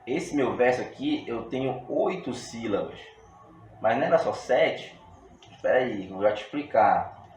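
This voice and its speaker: Brazilian male workshop teacher, mid-pitched, casual and slangy, roomy echo with faint background noise. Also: moderate pace. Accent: Brazilian Portuguese. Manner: relaxed, slangy, explains step by step with many restarts. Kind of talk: casual video lesson.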